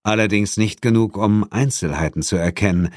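A man narrating a first-person story in a lively, mock-dramatic way. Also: lowish voice, normal speed, no echo, studio quality. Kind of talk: first-person audiobook reading.

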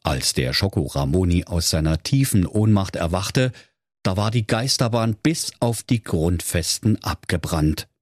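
Brief: male storyteller, comic fairy tale for kids, lively and varied pitch, dry close sound. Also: a little slow, no echo. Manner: playful, animated storytelling.

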